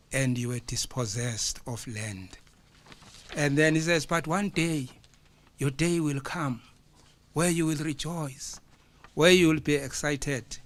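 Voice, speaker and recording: Guy at a conference, reads a poem real slow and measured, highish voice. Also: fairly bright tone, no echo. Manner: declamatory, measured. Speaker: conference speaker. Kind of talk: poetry recitation and explanation. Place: conference hall.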